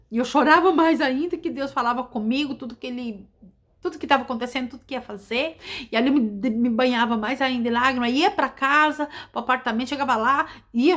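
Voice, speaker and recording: A middle-aged woman preacher giving an emotional testimony sermon, repeating phrases for emphasis and dropping from loud to hushed. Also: high-pitched. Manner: repetitive, emphatic, swings between loud and hushed.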